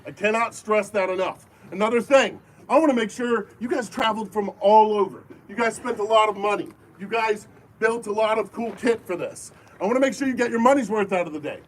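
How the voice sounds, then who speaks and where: High-voiced man addressing a crowd outdoors, firm and commanding, heard from a distance with faint noise. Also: fairly quick. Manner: firm, call-and-response, commanding. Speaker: airsoft event briefing leader. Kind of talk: safety briefing to a crowd. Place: outdoor airsoft field.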